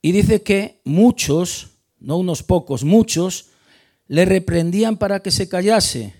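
Gravelly preacher. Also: male voice, high voice, slow. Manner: emphatic, builds to loud stressed peaks then drops quiet; repeats words and restarts mid-phrase. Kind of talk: sermon on a Bible passage.

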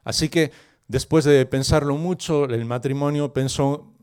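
A man's voice: medium pitch, measured pace, smooth. Middle aged guy from preaching, chatty storyteller, throws questions at the crowd. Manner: lively storyteller who asks the listeners questions. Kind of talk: sermon with storytelling.

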